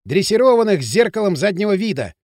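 A man's voice: high-pitched, sing-song, fast talker, darkish tone, no echo, clean studio sound. A man voicing a cocky, bossy teenage boy from the town outskirts in an audiobook, talking in pushy, mocking slang. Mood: excited. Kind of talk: audiobook character voice.

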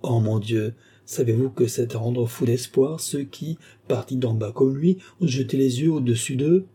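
An eager young peasant lad, read by a man, pleads earnestly in a raised voice. The tone stays dark and mellow, with a husky edge. It is the voice of a classic novel read aloud. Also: mid-range voice, normal speed, voice pushed up, lightly acted. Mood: ardent.

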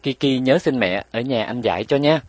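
A man's voice: medium pitch, moderate pace, dry recording, pitched above the performer's own voice, lightly acted. Man voicing a peacemaking big brother. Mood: soothing. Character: peacemaking older boy, gentle big brother.

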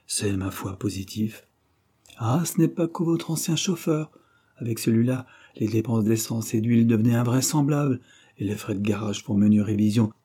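A man's voice: on the low side, normal speed, dark tone, husky. A man voicing a coy, scheming woman nurse who talks in a coaxing, sweet-talking way. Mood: confiding.

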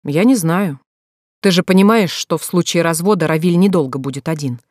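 A narrator voicing a calm, stern older brother who lectures in a level tone in an audiobook. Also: medium pitch, brisk, no echo, studio quality, natural voice.

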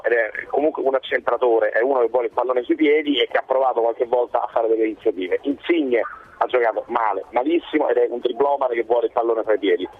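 A man's voice: medium pitch, slightly rough. A man analysing football for a radio show over the phone, talking in long, reasoned stretches. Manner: fluent, reasoned analysis, piling up clauses. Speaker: football pundit joining the show remotely. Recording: narrow phone-line sound.

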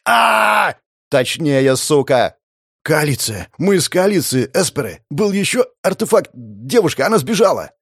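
A man's voice: on the high side, sing-song, measured pace, gravelly, a bit bright, breathy edge, no echo, studio quality, pitched above the performer's own voice, full character voice. A man reading an audiobook, voicing a terrified beaten male thug who stammers and pleads in a panic. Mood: panicked pleading. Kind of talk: audiobook character voice.

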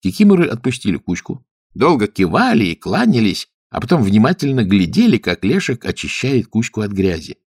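A man narrating a children's fairy tale in an expressive way, at times hushed. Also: on the low side, brisk, breathy edge, dry recording, clean studio sound. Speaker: storyteller. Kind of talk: storybook narration.

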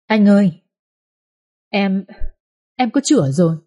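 A woman voicing a heartbroken young village woman who pleads tearfully, in a husky voice. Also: medium pitch, lively intonation, takes it slowly, warm tone. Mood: pleading.

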